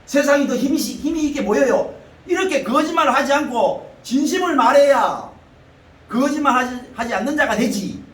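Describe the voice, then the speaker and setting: Animated Gyeongsang pastor preaching in a roomy church. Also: male voice, extremely high pitch, normal speed, far from the mic. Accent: Gyeongsang (Daegu) Korean. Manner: blunt, colloquial, full of rhetorical questions. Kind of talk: sermon. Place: church sanctuary.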